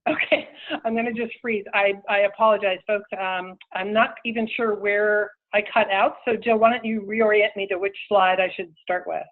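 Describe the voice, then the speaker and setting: A woman giving a webinar lecture over a crackly phone line that fades in and out, speaking in a measured way with frequent ums and restarts. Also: mid-range voice, fairly even intonation. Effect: crackly phone line, fading in and out. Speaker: invited presenter on a webinar. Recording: tinny phone-line audio.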